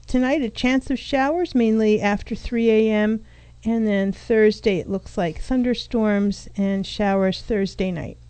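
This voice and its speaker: A woman hosting an informal talk radio show, speaking in a halting, rambling, apologetic way. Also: mid-range voice, dark tone, no room sound. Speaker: radio host.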